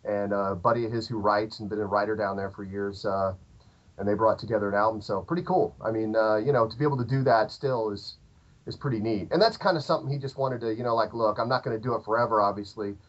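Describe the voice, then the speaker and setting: Speaking fast in a lowish voice, this man in his thirties chats casually as a podcast guest, his southern Illinois accent clear as he rambles through fillers and restarts. The interview is captured in dull, lo-fi podcast sound.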